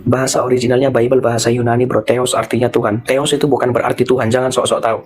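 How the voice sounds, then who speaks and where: A man's voice: medium pitch, flat delivery, quick pace, a loud crowd, heavy background noise. A young man hosting a live stream, explaining religious terms to callers in a repetitive, lecturing way. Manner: explanatory, repeats points, lecturing. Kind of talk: casual religious discussion.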